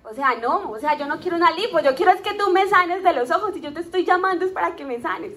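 A woman preaching a sermon, lively and talking straight to the congregation with playful asides. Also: extremely high pitch, fast.

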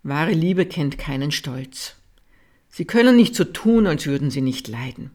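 A calm, steady reading voice delivers a Buddhist teaching text at a measured pace. It drops softer and slower on the important sentences and keeps an even, unhurried audiobook delivery. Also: medium pitch. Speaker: reader.

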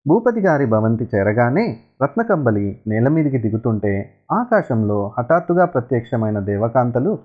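A man narrating a story in a lively, dramatic storytelling manner. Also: mid-range voice. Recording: tinny phone-like sound.

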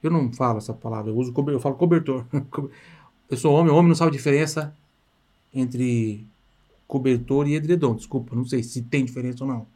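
A man at a middle pitch giving a relaxed language lesson. He stretches each practice word slowly and clearly, then picks up speed for quick casual comments in between. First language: Portuguese. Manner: slow, drawn-out pronunciation drills between quick asides. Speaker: Italian teacher.

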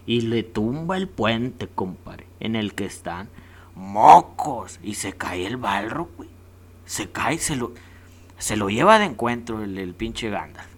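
A man's voice: fairly low pitch, big pitch swings, a little slow, a bit bright. A man with a Mexican accent hosting a casual countdown vlog, rowdy and jokey with heavy slang. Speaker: host.

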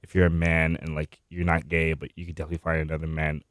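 A man's voice: a bass voice, monotone, quick pace, fairly bright tone, no echo, clean studio sound. A twenty-year-old man from Miami answering interview questions casually and hesitantly, with lots of fillers. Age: 20s.

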